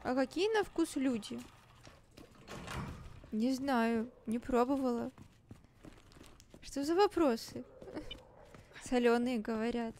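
A woman live-streaming a horror game in casual, excitable commentary, with the cute manner of an anime streamer. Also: fairly high pitch, slow, long pauses, a little hiss or hum.

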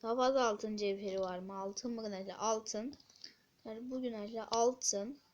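A woman's voice: on the high side, steady tone, a little fast, muffled recording, a little hiss or hum. A woman casually commentating her gameplay, talking to viewers with muttered asides. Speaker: gameplay video host.

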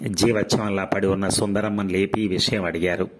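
A man narrating a story aloud in a steady, even reading voice. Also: low voice, fairly quick, background noise. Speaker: story reader.

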